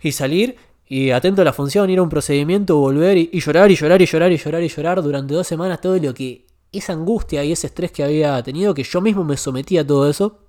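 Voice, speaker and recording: A man's voice: a little high, fast talker, hardly any pauses, darkish tone. A young man with a Rioplatense Spanish accent, a podcast guest telling a personal story in a confessional way, repeating words for emphasis.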